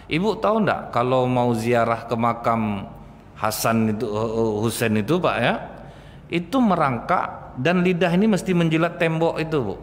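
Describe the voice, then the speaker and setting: A male preacher giving a conversational sermon, constantly addressing his listeners as sir and ma'am. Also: medium pitch. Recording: echoey hall, faint noise.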